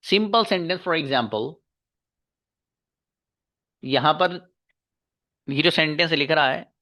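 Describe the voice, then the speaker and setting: A male teacher giving an online English grammar class, patiently repeating key slowly and calling on pupils one by one. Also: a little high, sharp tone.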